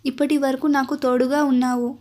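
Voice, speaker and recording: A woman's voice: high-pitched, flat delivery, fairly quick, mellow, close to an everyday voice. A woman narrating a frightened young queen. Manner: fearful, pleading. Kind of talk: storytelling narration.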